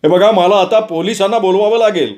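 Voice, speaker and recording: A man's voice: high voice, a little fast, darkish tone, voice pushed up, natural voice. Man doing a flustered hotel manager. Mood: exasperated. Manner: exasperated, pleading. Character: flustered middle-aged male hotel manager.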